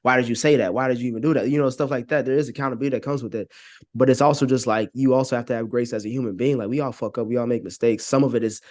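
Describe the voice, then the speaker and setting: A man racing through his opinions as a podcast guest speaks casually and earnestly, heavy on slang and the phrase "you know what I'm saying." His medium-pitched voice is a little mellow, with fairly even intonation.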